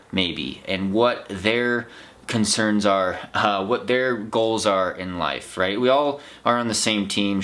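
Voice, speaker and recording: A man's voice: on the low side, a bit bright. An American man talking in a casual, unscripted vlog monologue, rambling in a reflective, earnest way. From United States. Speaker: vlog host, trail runner.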